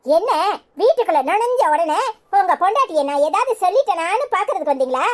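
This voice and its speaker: A woman voicing a sharp-tongued, resentful young wife in a cartoon, with a Tirunelveli Tamil accent and quick cutting complaints. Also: very high voice, very animated. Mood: angry. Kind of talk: cartoon voice acting.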